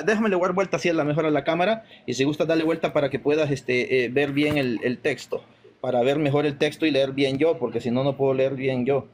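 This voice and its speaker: A man in a live online debate, reading Bible verses slowly and arguing his point with stresses on each quoted line. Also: on the high side.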